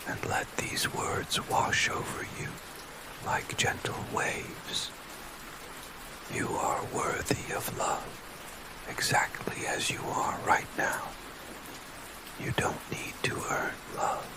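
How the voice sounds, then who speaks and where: Male ASMR narrator for sleep affirmations: soft spa whisper throughout, very slow, gentle and soothing. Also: low-quality recording. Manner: gentle, soothing, unhurried guided-relaxation delivery.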